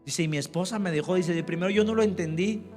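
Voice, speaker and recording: A man's voice: high voice, fast talker, a little mellow, big-room sound, faint music behind. A man preaching a sermon as pastor, emphatic, who keeps calling out to his congregation. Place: church.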